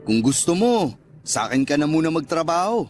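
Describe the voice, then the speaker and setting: An actor playing an indulgent, seductive Filipino sugar daddy in a radio drama. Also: male voice, fairly high pitch, very animated, a little fast, a little mellow, faint music behind. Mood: coaxing.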